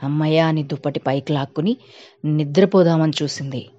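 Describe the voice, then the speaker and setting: A woman narrating a spooky storybook tale with a dramatic, suspenseful delivery. Her voice sits on the low side. The recording sounds dull and lo-fi. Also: moderate pace, a little mellow.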